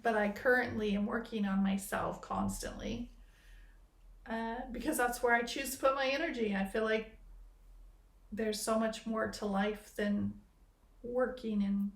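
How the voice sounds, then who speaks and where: A woman hosts a podcast, musing through reflective spiritual conversation and playing with the meanings of words. Her voice is fairly high and steady in tone, her delivery a little slow, and the room is echoey.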